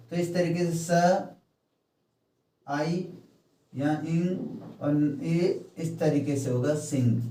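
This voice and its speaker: A man teaching a phonetics lesson, explaining each point slowly and step by step, slipping English terms into his talk. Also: fairly high pitch, warm tone, distant mic. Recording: echoey room, mic set back.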